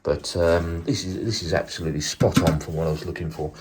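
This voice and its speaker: A man casually talking through his model railway build, relaxed and rambling with lots of fillers, recorded indoors at a table. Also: low voice, brisk, slight background noise. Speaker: model railway hobbyist host. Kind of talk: casual workshop vlog. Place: indoors at a dining room table layout.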